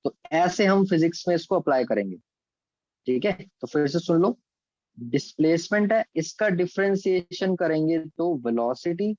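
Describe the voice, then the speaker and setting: A man's voice: on the high side, animated, moderate pace, a little mellow, no echo, dull audio. A man with an Indian accent teaching calculus step by step in an online class. He mixes English terms into his Hindi explanations and checks in with students by name. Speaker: physics and maths teacher.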